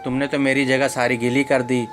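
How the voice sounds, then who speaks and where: A short-tempered grown son, as a man reads him, speaks in a flat, mid-pitched voice with complaining impatience. Soft music plays in the background. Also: a little fast, natural voice. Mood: irritated.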